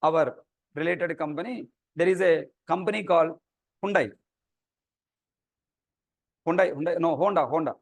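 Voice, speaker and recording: A man's voice: fairly high pitch, moderate pace, vocal fry, long pauses, no room sound. A man with a Telugu Indian accent, a native Telugu speaker, lecturing like a programming teacher and often prompting students with short check questions. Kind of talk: interactive classroom lecture.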